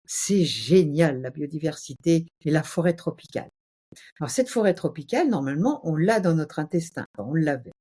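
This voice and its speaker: A woman's voice: low-pitched, lively intonation, brisk, warm tone, slightly rough. A woman speaking as a guest, explaining passionately in a casual, emphatic way with vivid exaggeration.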